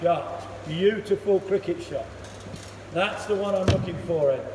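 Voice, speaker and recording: A man coaching cricket in a big indoor net hall, his high voice picked up from across the room. He gives brisk instructions and quick praise. The hall rings with a long echo, and loud noise sits under everything. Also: recorded from a distance. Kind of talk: one-to-one coaching session. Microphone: camera across the net, far off.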